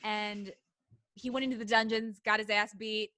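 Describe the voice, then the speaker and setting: Recorded remotely over a video call, this comedic podcast features a female co-host who is giggly and a bit hesitant when she recaps. She speaks at a moderate pace in a mid-range, level voice that sounds pushed and bright. There is no room sound at all.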